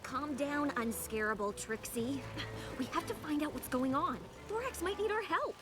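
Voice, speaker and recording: A woman's voice: high voice, lively intonation, normal speed, music in the background. A woman voicing a level-headed young female pony in a cartoon, patient and sensible. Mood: exasperated. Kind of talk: cartoon voice acting.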